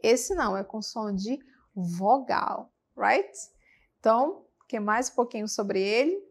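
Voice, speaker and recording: A woman with a Brazilian accent teaching a televised English lesson, patiently repeating words slowly for students. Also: fairly high pitch, expressive, breathy edge. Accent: Brazilian Portuguese. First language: Portuguese.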